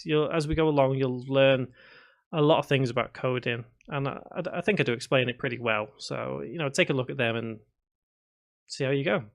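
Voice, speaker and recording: A slightly high, creaky and somewhat bright voice marks this game development streamer, a man in his thirties from Liverpool, England, with a Scouse accent. On his live stream he casually reads out chat comments and replies, with fillers and restarts.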